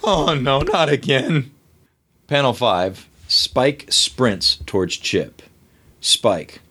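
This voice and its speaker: A man's voice: sits high, huge pitch swings, unhurried, fairly bright tone, voice pushed up, heavily acted. A man voicing a worried young man in a comic script table read, speaking urgently.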